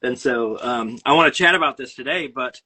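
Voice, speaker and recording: Bright-voiced Minnesotan man hosting a livestream. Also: mid-range voice, moderate pace, breathy edge. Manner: rambling, many fillers and restarts. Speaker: host. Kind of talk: casual livestream chat. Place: home studio room. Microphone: phone on a mount.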